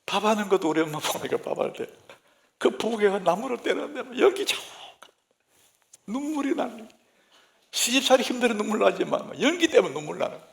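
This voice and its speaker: A male senior pastor delivering a sermon, spinning humorous everyday anecdotes. His voice sits high and swings widely in pitch. There is a strong gravelly creak in it. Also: fairly quick, pauses often, a little hiss or hum. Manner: lively anecdotal storytelling, humorous.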